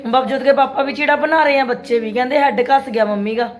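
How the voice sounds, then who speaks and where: A middle-aged woman with an Indian Punjabi accent and a sore, hoarse throat, chatting casually as she narrates a daily family vlog. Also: high-pitched, fast. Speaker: family vlogger.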